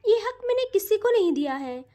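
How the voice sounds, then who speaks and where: A woman's voice: very high voice, big pitch swings, fairly quick, mellow. A woman voicing an emotional protective young woman. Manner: pleading, insistent. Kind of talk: storytelling.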